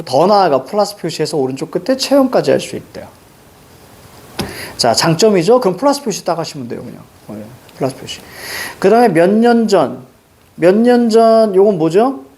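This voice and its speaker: Man lecturing on exam questions, higher-pitched. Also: a little mellow. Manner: teacherly, prompting students with repeated tag questions. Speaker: Korean language teacher. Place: classroom with a blackboard.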